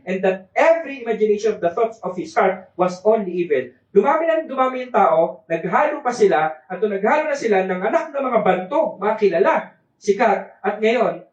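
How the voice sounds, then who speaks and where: Filipino man, sermon, high voice, distant mic. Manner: switches between Tagalog and English, jokes with congregation, reads scripture aloud. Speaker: preacher. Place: church service. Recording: echoey, distant, dull church recording.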